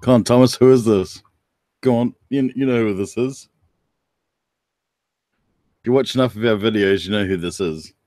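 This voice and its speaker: A man's voice: lowish voice, normal speed, long pauses, mellow, no room sound, studio quality. A man with a New Zealand accent hosting a casual livestream, teasing and chatting with viewers by name. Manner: laid-back, teasing, chats to viewers by name. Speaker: livestream host.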